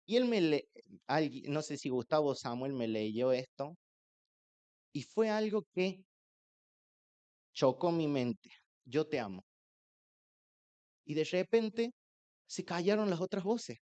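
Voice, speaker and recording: A man's voice: a little high, animated, measured pace, long pauses, darkish tone, lo-fi sound. A man, a pastor with a Rioplatense Spanish accent, sharing an earnest, emotional personal testimony in church.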